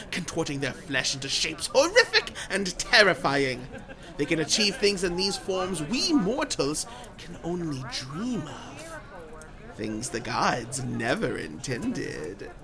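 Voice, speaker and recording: An actor playing a grandiose travelling bard in a fantasy audio drama, with florid old-fashioned speech and dramatic pauses. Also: medium pitch, full character voice. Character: flamboyant, grandiose travelling bard, theatrical storyteller.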